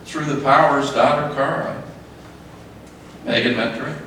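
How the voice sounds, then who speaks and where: A man's voice: mid-range voice, steady tone, measured pace, fairly bright tone. Echoey, distant middle-aged man giving a speech. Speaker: father of the bride giving a speech. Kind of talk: wedding speech. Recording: echoey, noisy room, distant mic.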